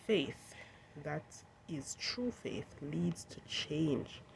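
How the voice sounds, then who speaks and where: Sounding congested from a head cold, a host gives an earnest devotional talk, reading scripture and addressing viewers directly. The voice is medium-pitched and creaky with lively intonation, and very slow. Outdoor traffic noise fills the background.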